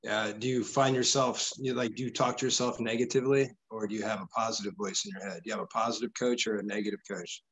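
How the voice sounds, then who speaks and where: A man's voice: lowish voice, fairly even intonation, fast, few pauses, fairly bright tone, slightly rough, poor audio. A man who coaches grappling, a guest on a podcast, talking candidly in a rambling, profane way. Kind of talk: casual interview chat.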